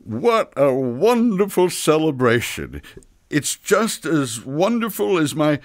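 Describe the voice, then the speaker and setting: Older fatherly Santa acted by a man, slow halting speech, very expressive, earnest, flustered, children's story. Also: fairly high pitch, dry recording, clean studio sound. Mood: emotional, fatherly. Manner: halting, emotional, deliberate pauses.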